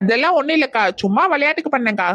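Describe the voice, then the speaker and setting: A woman's voice: sits high, animated, racing, crowd noise. A woman voicing a cheeky village woman in a cartoon who teases and mocks the others. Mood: teasing. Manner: mocking, teasing.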